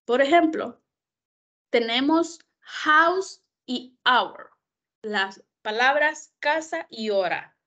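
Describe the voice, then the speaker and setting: A woman tutoring English online, explaining articles slowly and asking herself questions, a Spanish speaker. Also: sits high, lively intonation, fairly bright tone. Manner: slow, explanatory, asks and answers her own questions. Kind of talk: online English grammar lesson.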